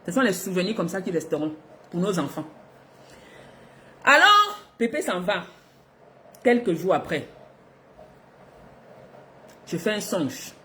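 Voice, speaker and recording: A middle-aged woman from Africa, telling a personal story to her viewers in a lively, expressive way, laughing between lines. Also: lowish voice, a little slow, pauses often, slight background noise. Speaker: vlogger.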